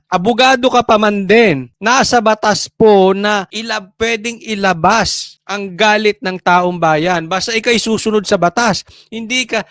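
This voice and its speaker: A man with a Filipino accent hosting political commentary, animated and mocking, talking straight to his viewers. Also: sits high, no echo, studio quality.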